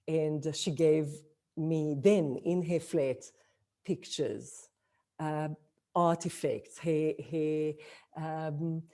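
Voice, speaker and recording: Mellow-voiced woman giving a heartfelt tribute. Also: fairly low pitch. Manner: halting, heartfelt, many fillers. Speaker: founder of a Holocaust centre. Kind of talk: memorial tribute speech.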